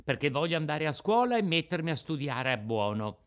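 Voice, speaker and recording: A man voicing an eager, boastful boy puppet in an audiobook, with an excited, raised voice. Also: a little high, fairly quick. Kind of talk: audiobook character voice.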